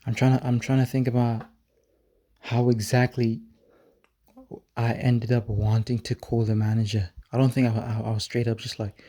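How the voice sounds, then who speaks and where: A man recounting a story to his viewers in a loose, rambling way. His voice is mellow and dark, with a flat, even pitch. He stumbles over repeated words and swears offhandedly. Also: normal speed. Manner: irreverent, swears casually. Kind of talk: casual storytelling vlog.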